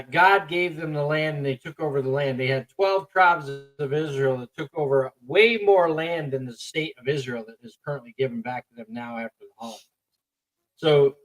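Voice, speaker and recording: A man co-hosting a live-stream podcast, talking in a halting, emphatic way with many fillers. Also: a little high, a bit bright, rough recording. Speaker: podcast co-host. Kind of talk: casual live-stream talk.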